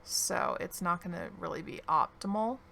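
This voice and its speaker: A woman's voice: fairly low pitch, vocal fry, bright, forceful tone, a little hiss or hum. A woman commentating her own game as she plays, thinking aloud and losing her voice a little. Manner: slow, thinking aloud while playing. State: losing her voice, clearing her throat. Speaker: gaming video creator. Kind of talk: relaxed let's-play commentary.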